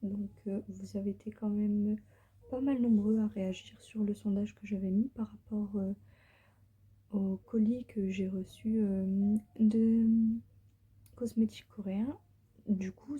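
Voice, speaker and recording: A woman whispers her way through a relaxed beauty unboxing vlog, her voice very breathy and soft. Her tone is dark and mellow, and she sounds tired. She is sitting on the floor of her bedroom. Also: mid-range voice, measured pace, highs cut off. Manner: whispering softly. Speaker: beauty vlogger.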